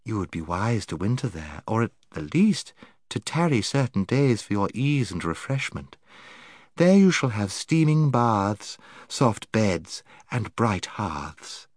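A sweet-voiced enchantress in green, put on by a man reading aloud, rolling her r's in a lilting, courtly way. Her voice swoops up high and floats, recorded close and dry. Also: very animated, unhurried, a little mellow, no echo. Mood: honeyed.

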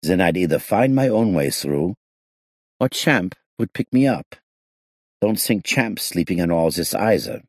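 A man's voice: low-pitched, animated, unhurried, darkish tone, no echo, clean studio sound, pitched above the performer's own voice, heavily acted. A man reading an audiobook, voicing a smug, self-pitying middle-aged male criminal in a raised, whining voice. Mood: wistful.

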